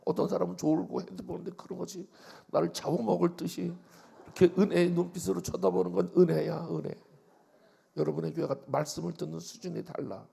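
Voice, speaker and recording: An older man preaching a revival sermon as pastor, telling stories and swinging from loud outbursts to hushed asides. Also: sits high, little pitch movement, a little fast, vocal fry, slightly rough. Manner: storytelling, acts out quoted voices, swings from loud to hushed.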